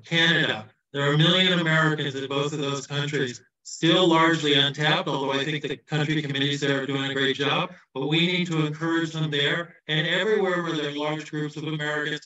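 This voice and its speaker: A man from the Midwest gives a loose, self-deprecating campaign pitch over a video call. His bright, forceful voice booms back with a big hall echo, as if he sits far from the mic. The sound is dull and muffled. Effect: heavy hall echo on his voice. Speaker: candidate for party office. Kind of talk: campaign speech at an online event.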